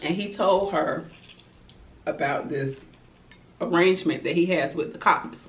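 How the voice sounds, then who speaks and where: A woman's voice: lowish voice, a little slow, slight background noise. A woman telling a dramatic story to her viewers while eating, with chatty asides. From Florida, USA. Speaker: mukbang vlogger. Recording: roomy, distant, dull-sounding home recording.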